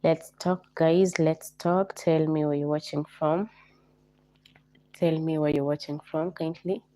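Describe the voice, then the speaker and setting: A woman's voice: low-pitched, fairly even intonation, slow pace, warm tone. A woman from Kenya with a Kenyan accent, hosting a live online stream and repeatedly coaxing viewers to like, comment and say where they are watching from.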